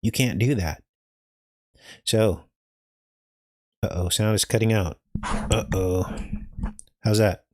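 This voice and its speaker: A man's voice: on the low side, slow, long pauses, a little mellow. A man hosting a livestream, talking casually to viewers while his audio glitches and cuts out. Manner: talks straight to viewers, chuckles at his own remarks. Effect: glitchy livestream audio cutting out. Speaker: livestream host. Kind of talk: casual opinion commentary.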